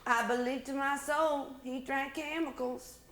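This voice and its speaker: A woman narrating a story aloud in an aggrieved, expressive manner. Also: sits high, a little slow, noisy background. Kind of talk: dramatic story reading. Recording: roomy echo.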